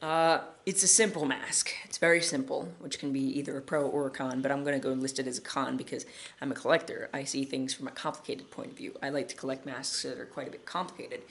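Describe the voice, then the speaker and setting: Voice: mid-range voice, fairly even intonation, fast, a bit bright, slight background noise. A collector giving a casual product review, talking in a hesitant, self-correcting way. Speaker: gas mask collector and reviewer.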